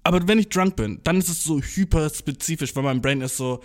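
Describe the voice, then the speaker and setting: A man's voice: a little high, a little fast. Slangy, swearing young man telling a story. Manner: slangy, swears a lot, mixes English words; self-mocking, excitable, stumbles over words. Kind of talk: casual storytelling monologue.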